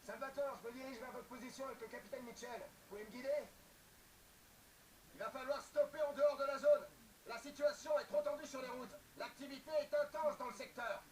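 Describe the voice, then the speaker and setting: A man's voice: very high voice, steady tone, a little fast, a little mellow. A male actor playing urgent, stern military men in clipped, commanding video game radio dialogue. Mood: strained, urgent. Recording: distant, echoey, noisy game playback.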